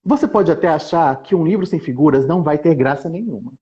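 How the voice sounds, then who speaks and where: Animated man with lively, shifting intonation. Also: on the high side, fast talker, lo-fi sound. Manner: animated, dramatizes book reading with shifting intonation. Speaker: researcher guest. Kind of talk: casual chat on a live stream.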